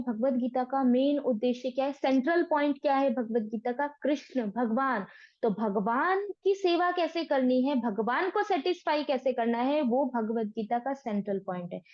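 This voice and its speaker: A woman's voice: high voice, a little mellow, no room sound, muffled recording. A woman teaching a devotional course in with in, explaining earnestly and asking and answering her own questions. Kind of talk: devotional class talk.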